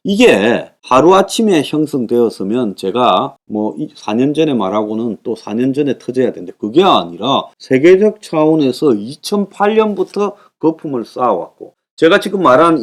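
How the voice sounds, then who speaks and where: A middle-aged man delivers a solo political commentary in an emphatic, insistent way. He keeps circling back to the same points and often starts sentences with a short prompting word. His voice sits at an ordinary middle pitch for a man. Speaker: political commentator hosting a news briefing. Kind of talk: monologue commentary.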